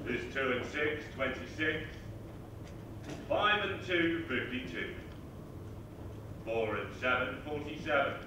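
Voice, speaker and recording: A man calls bingo numbers in measured, formulaic phrases. His voice comes slowly from far off across a very echoey hall. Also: mid-range voice. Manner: measured sing-song announcing in set phrases. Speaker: bingo caller. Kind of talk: bingo calling, numbers read out digit by digit. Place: large bingo hall, over a microphone. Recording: echoey hall PA, distant and noisy.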